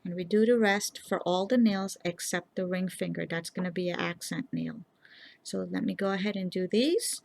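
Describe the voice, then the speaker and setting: A woman hosting a nail art tutorial, explaining each step in a calm, instructive way and speaking to viewers directly. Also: on the low side, normal speed, vocal fry. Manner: calm, instructive, addresses viewers as "you guys". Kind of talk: casual step-by-step tutorial narration.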